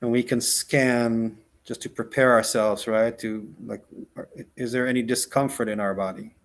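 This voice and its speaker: A rabbi whose native language is Hebrew talks in a steady mid-range male voice, moving from an informal class into a slow, soothing meditation. Halting and full of restarts, he keeps saying "like" and checking "right?"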